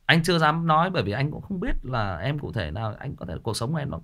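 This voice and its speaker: Animated man giving advice. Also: mid-range voice, fast. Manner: earnest, repetitive, with many fillers and stuttered restarts. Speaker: host advising a listener. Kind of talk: casual spoken advice.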